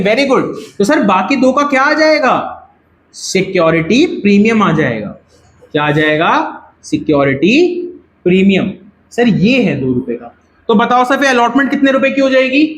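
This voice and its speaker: A man with an Indian accent teaching a classroom lecture, asking the class questions and repeating their answers. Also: very high-pitched. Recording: echoey classroom.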